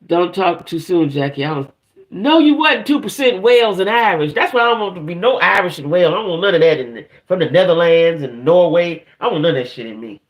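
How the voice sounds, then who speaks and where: On her casual live-streamed gossip show, a woman from the northern United States chats with lively intonation in a voice on the low side, though the audio quality is poor. Her talk is playful, colloquial, and rambling, with quick check-ins tagged onto her thoughts.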